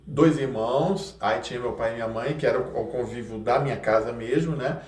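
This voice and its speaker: This man, a voice actor from Rio de Janeiro with a Carioca accent, is a podcast guest in relaxed interview conversation, full of hesitations and false starts. His mid-range voice is a little fast and mellow, picked up from a distance and slightly off mic in a room with echo.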